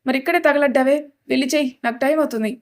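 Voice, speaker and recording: A woman's voice: sits high, racing. A woman doing a curt, scolding young husband. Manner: gruff, scolding, impatient orders.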